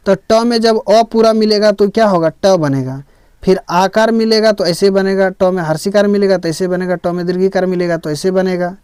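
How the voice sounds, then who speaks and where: A man's voice: high voice, darkish tone, clear, resonant tone, no echo. A man teaching a Sanskrit lesson, explaining each step patiently and repeating himself often.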